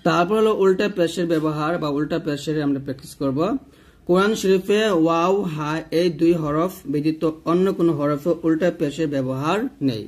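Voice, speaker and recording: A man's voice: fairly high pitch, brisk. A man teaching Quran reading in Bengali with a Bangladeshi accent, patiently spelling out each Arabic letter and vowel mark in a repetitive drill.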